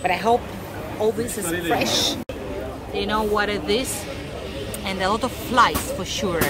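This casual walking vlog follows a Russian woman, a travel vlogger with a Russian accent, as she chats with fish market vendors in halting, filler-heavy English. She speaks at a medium pitch over heavy background noise from the busy market crowd.

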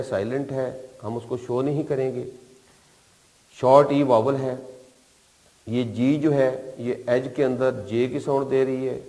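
A Pakistani man with a Pakistani accent and a mid-range, darkish voice lectures at a board, teaching a shorthand class. He explains patiently step by step and repeats key terms, recorded with long reverb in a hall-like room.

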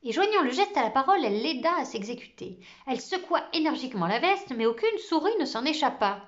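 A woman reading a children's book aloud, expressive and dropping to a hush at tense moments. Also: high-pitched, fast talker, muffled recording. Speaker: storyteller.

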